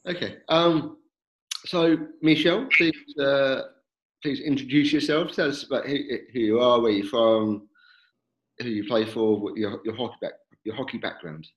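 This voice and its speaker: A man hosts a podcast interview in a friendly, easygoing way, often stopping to restart his questions. His voice sits at a middle pitch for a man. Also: fairly even intonation, moderate pace, roomy sound, lo-fi sound. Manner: friendly, hesitant with fillers and restarts.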